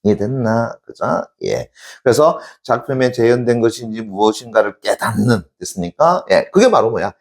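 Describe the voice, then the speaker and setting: A man's voice: mid-range voice, lively intonation, moderate pace, vocal fry, few pauses. A male exam-prep teacher giving a classroom lecture, constantly checking in with his class and answering his own questions. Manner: call-and-response, keeps asking "됐니?" and answering himself; emphatic, shouts out examples.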